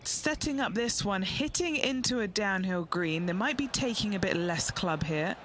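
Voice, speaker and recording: A man's voice: high voice, animated, normal speed. A man giving golf commentary as a reporter describing the shot ahead. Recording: noisy ambience behind.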